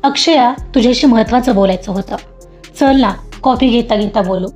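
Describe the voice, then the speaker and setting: A woman's voice: a little high, normal speed, a little mellow, pitched below the performer's own voice, close to an everyday voice. A woman voicing a jealous, dismissive young male assistant who speaks in a curt, defensive way. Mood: pushy. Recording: dull lo-fi audio with faint music.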